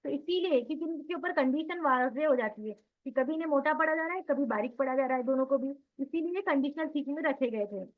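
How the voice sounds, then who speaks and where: Female Quran recitation tutor, high-pitched, patient step-by-step explainer, recorded over a thin phone-like line. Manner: explains step by step, often checks with "theek hai"; recites Arabic words slowly and drawn out as examples. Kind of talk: online tajweed lesson. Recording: tinny phone-line sound.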